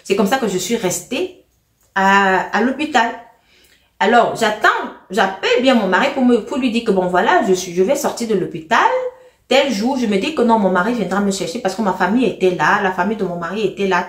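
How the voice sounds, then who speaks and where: An earnest woman narrates her own life story in a halting way, often doubling back and repeating words. Her voice sits at an ordinary middle pitch for a woman. The recording is roomy, with a clear echo around her. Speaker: storyteller sharing a personal testimony. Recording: roomy, echoey room sound.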